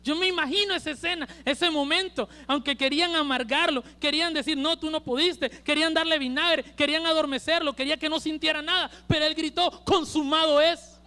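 A male preacher with a Honduran accent delivering an emphatic sermon at a church service, swinging between loud and hushed. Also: extremely high pitch, steady tone, fairly quick, hardly any pauses. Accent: Honduran Spanish.

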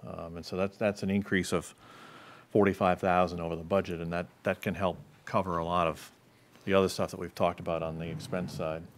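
A man with a low voice speaks at a town board budget meeting, measured and hedging, often restarting his sentences. He talks into a table microphone in a municipal meeting room. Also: little pitch movement, slight background noise. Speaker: select board member.

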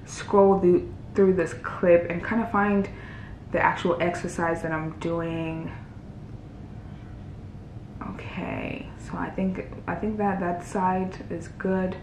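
A young woman walking through her video edits in a casual tutorial, relaxed and chatty, thinking aloud as she goes. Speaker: fitness creator showing her editing workflow. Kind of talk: casual screen-recorded tutorial. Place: indoor room, voice-over on a screen recording. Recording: roomy with faint rumble.

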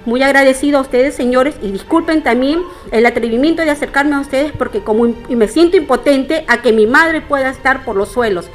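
Middle-aged woman, high voice, formal and indignant public statement, faint music behind. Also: a little fast, hardly any pauses. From Peru. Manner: indignant, formal, addresses the townspeople directly. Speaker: interviewee.

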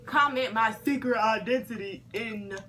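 A woman's voice: on the high side, a little slow, bright, forceful tone. A young woman bantering argumentatively in casual slang, sitting back from the camera in a bedroom. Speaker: prank-call vlog sidekick. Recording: distant, faintly noisy home camera audio.

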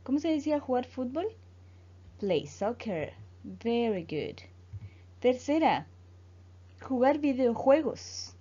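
A woman from Chile, an English teacher speaking slowly and clearly as she leads a school lesson. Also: high voice, lively intonation, mellow. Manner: slow, clear teacher delivery, repeating words for students. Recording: dull lo-fi voice recording.

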